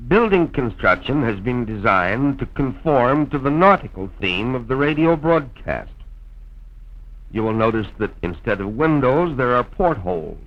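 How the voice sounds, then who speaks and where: A man with a medium-pitched, very animated voice speaks at a normal speed as a narrator and announcer. His delivery is formal and scripted, like mid-century radio, and the audio is a dull, lo-fi old film soundtrack.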